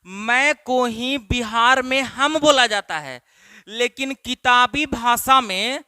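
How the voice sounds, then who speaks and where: Man, Bihari Hindi accent, teacher, drilling questions, very high pitch, dry sound. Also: slow pace, pushed and bright, smooth, no echo. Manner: repetitive questioning, drills students. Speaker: spoken English teacher. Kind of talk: classroom lesson.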